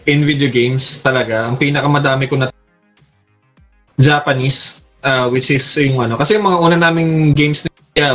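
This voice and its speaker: A man's voice: medium pitch, fairly bright tone, lo-fi sound. A young Filipino man with a Filipino accent, co-hosting a podcast in an easygoing chat and calling his friends "pre". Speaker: podcast co-host. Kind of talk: casual chat among friends.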